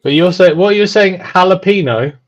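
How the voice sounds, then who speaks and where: A man giving relaxed, dry, chatty live commentary on a race, with many pauses and "um"s. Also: fairly high pitch, muffled recording. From United Kingdom.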